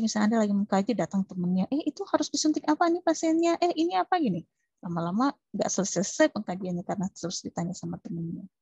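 A woman's voice: lowish voice, slightly rough, dry recording. A woman nursing lecturer teaching a class, taking student answers and acting out short patient and nurse exchanges. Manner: lively, acts out patient and nurse dialogues.

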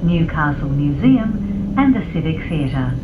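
A woman reads tram stop announcements in a low voice that rises and falls a lot, with the words audibly spliced together. She comes through a dull onboard loudspeaker, with loud rumbling vehicle noise all around her. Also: big pitch swings. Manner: measured, evenly paced announcer delivery. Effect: spliced-together recorded words. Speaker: automated transit announcer. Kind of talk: pre-recorded stop announcements. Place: inside a moving tram. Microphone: onboard public-address loudspeaker. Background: rumbling tram and traffic noise.

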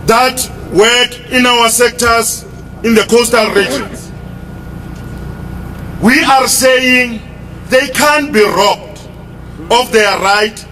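A middle-aged South African man giving a forceful, roaring rallying speech as a union leader, with emphatic repetition. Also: very high voice. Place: outdoors in a street crowd outside a building. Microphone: handheld microphone, filmed from some metres away. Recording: distant outdoor PA, crowd and vehicle noise.

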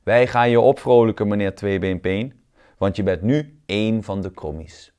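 A man's voice: lowish voice, moderate pace, smooth, close to an everyday voice. A man playing an always-jolly crooked veggie. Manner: jolly, loud and upbeat. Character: ever-cheerful crooked vegetable boy.

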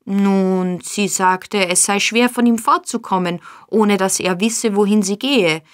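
A woman's voice: mid-range voice, unhurried, dry recording, clean studio sound, natural voice. A woman doing a drawling, lazy young informer. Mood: offhand. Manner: drawling, offhand.

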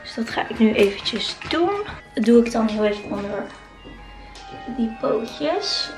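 A woman's voice: a little high, expressive, measured pace, over music, poor audio. A young woman in her twenties chatting in a casual vlog, filming herself handheld in an empty new apartment. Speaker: vlogger. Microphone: handheld camera close to the face.

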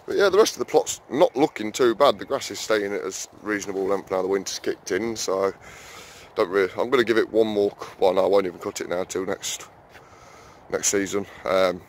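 Low-pitched and casual, a man vlogs his walk around an outdoor allotment and into a small garden shed, with a little hiss or hum in the recording. He fills his chat with fillers and keeps calling viewers guys.

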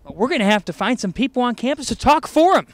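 Brief: young male campus host, high voice, swooping jokey delivery, dry close sound. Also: fast talker, no echo. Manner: enthusiastic, jokey, animated. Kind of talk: playful campus report.

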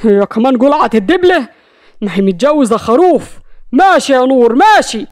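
A woman voicing an angry, jealous young man who shouts threats, with an Egyptian accent, in an audio story. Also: high-pitched, lively intonation, brisk, no room sound, studio quality. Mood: furious. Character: furious jealous young male strongman.

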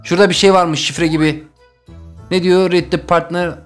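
A young man with a high voice commentates his game run, lurching from loud yelping outbursts to low mutters to himself. Faint game music plays behind him. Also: steady tone, moderate pace. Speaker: gaming YouTuber. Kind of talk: Let's Play commentary.

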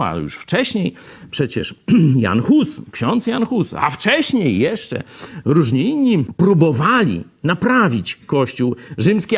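Lively older man teaching in a TV studio. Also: sits high, breathy edge. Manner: animated, gesturing with both hands. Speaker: pastor. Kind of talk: televised Bible teaching. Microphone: lapel mic.

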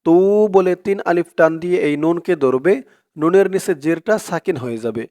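A man teaching Quran recitation in a tajweed lesson. He spells out each letter and vowel mark in a Bangladeshi Bengali accent, then chants the verse slowly and drawn out. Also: fairly high pitch, animated, a little mellow.

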